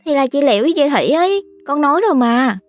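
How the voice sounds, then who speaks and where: Narrator's put-on small boy, stubborn, whiny pleading, lifted high, audiobook. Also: sing-song, fast talker, dry recording, faint music behind. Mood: earnest.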